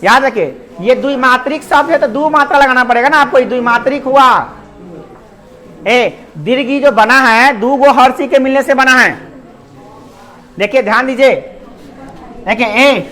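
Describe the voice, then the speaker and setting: A man's voice: extremely high pitch, normal speed, pauses often, bright, forceful tone. A man teaching grammar in a classroom lesson, asking and answering his own questions and sounding out vowels aloud.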